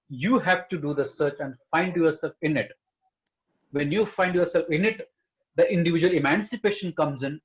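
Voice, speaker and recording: Emphatic man on a lo-fi line. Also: a little high. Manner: earnest, emphatic, repeats key words. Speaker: panelist. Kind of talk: panel discussion.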